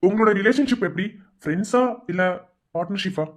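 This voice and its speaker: A man's voice: sits high, lively intonation, quick pace. A man voicing a formal official who runs a tender auction in a cartoon, announcing the bids. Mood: polite. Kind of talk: cartoon voice acting.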